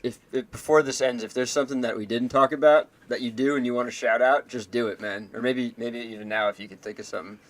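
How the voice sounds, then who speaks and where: A man hosting a casual interview, quick and easygoing with joking asides. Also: medium pitch, steady tone. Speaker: host.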